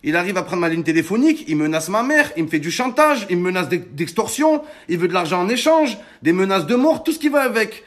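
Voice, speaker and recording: A man, telling his followers an animated story of being hacked and threatened, emphatic and swearing often. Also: high voice, fast talker, hardly any pauses. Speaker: social media personality.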